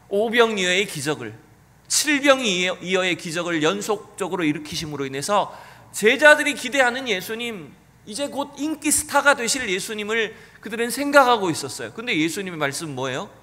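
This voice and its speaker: A man's voice: high voice, big pitch swings, normal speed, sharp tone. A male pastor preaching a sermon earnestly, asking the congregation rhetorical questions. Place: church sanctuary. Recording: church hall with long reverb.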